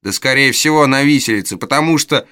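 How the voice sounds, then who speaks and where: A man voicing a spiteful, taunting older charity boy in a storybook reading, his voice jumping high and jeering. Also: brisk, bright, forceful tone, clear, resonant tone, close to an everyday voice. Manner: jeering, shrill, then wailing for help.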